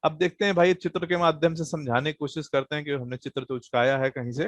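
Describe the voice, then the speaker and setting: A man's voice: on the high side, flat delivery, quick pace, no echo. A man teaching a programming class online, explaining casually and checking in with students, with plenty of fillers. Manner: explains casually, many fillers and "thik hai" check-ins.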